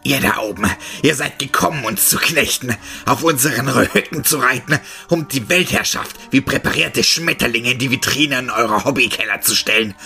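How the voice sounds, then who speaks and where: A man's voice: deep voice, measured pace, sharp tone, soft background music, exaggerated voice. A man voicing a monstrous, paranoid old man who bellows accusations in a distorted voice. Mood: raging.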